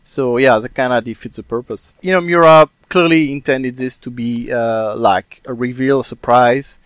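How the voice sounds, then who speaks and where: A man's voice: mid-range voice, fairly even intonation, moderate pace, fairly bright tone, clean tone, no echo. Rambling male podcast guest, dry sound. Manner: rambling, hesitant, many fillers. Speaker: podcast co-host. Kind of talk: casual podcast chat.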